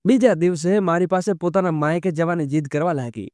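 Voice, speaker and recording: A man's voice: fairly high pitch, fairly quick, darkish tone, dry recording, clean studio sound. A man narrating an emotional family story, reading every character's lines in his own storytelling voice. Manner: reads all the characters' lines in the same narrating voice. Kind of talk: scripted narration of a family drama.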